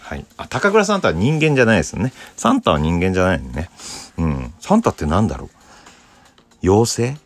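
A man's voice: huge pitch swings, brisk. A man hosting a casual solo talk show, reading listener letters and laughing at himself in a bashful way. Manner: bashful, laughs at himself, drifts between low murmurs and high bursts.

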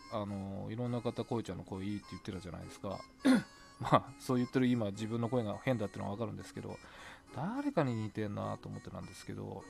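A man's voice: mid-range voice, creaky, darkish tone. A man hosting his own talk podcast, rambling casually and chuckling to himself as he looks back on past episodes. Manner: chatty, rambling, laughs to himself. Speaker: podcast host. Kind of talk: solo talk radio looking back.

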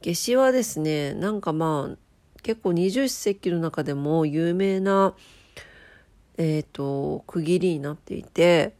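A woman's voice: on the low side, a little slow, darkish tone, dry recording. A woman hosting a casual, chatty solo radio show in polite speech, her voice nasal from a blocked nose. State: stuffed-up nose.

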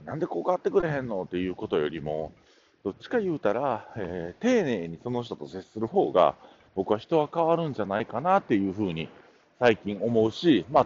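A man's voice: lowish voice, darkish tone, highs cut off, a little hiss or hum. A middle-aged man with a Kansai accent, hosting a casual solo talk show and telling stories in a chatty, meandering way. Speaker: podcast host.

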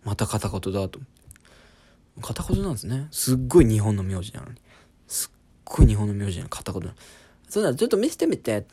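A man's voice: mid-range voice, darkish tone. A man in his twenties, a comedian hosting a podcast, telling an embarrassing story in a casual, self-deprecating comic monologue. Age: 20s.

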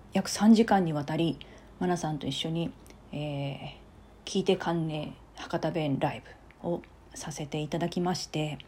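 A woman hosting her own podcast, chatting casually and softly with little laughs and asides. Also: fairly low pitch, husky. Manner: chatty, soft-spoken, giggly asides. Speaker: podcast host. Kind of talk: casual solo talk.

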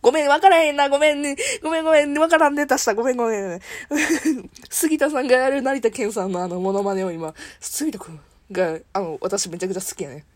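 A woman's voice: sits high, steady tone, fast talker, few pauses, no echo. A woman with a Kansai accent talking alone in a playful, self-mocking, chatty way as host of a solo audio show. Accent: Kansai Japanese. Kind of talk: casual solo talk with impressions.

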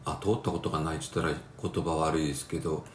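A man's voice: very deep voice, steady tone, quick pace. A man with a stuffy nose from a cold, rambling in a casual solo talk with many fillers. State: congested, nasal from a cold. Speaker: podcast host. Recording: roomy with faint background noise.

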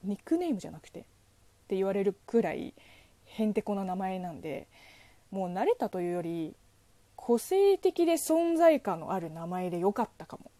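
A woman's voice: medium pitch, animated, normal speed, warm tone, dry recording. Playful woman with a Chinese accent. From China. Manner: playful, teasing asides to listeners. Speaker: podcast host. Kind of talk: solo podcast answering a listener letter.

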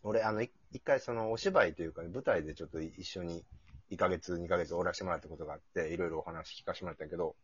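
A man with a low, husky voice and a Kansai accent tells anecdotes in casual chat. His pitch moves around in a lively way, and the audio is slightly dull. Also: racing, no room sound.

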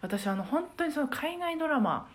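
A woman who teaches karaoke, talking alone on her podcast in a casual, thoughtful way, pausing often with soft fillers. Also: high-pitched, very animated. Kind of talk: casual solo podcast talk.

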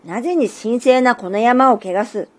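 A woman voicing a huge male tengu chief who shouts threats with a thundering voice in a children's story. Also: unhurried. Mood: threatening. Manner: booming and menacing.

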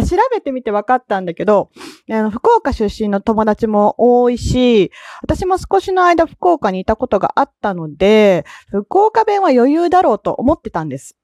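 A woman's voice: fairly high pitch, big pitch swings, normal speed, a little mellow, no echo, studio quality. A woman with an Osaka Kansai accent hosting a casual solo podcast, chatty and laughing often between her words. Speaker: podcast host.

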